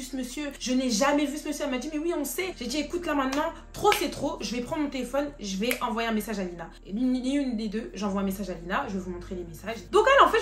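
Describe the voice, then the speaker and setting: A woman's voice: high voice, a bit bright. A woman in her twenties telling her personal faith testimony as a vivid story, acting out each exchange of dialogue. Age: 20s. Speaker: testimony vlogger. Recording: roomy sound with faint music.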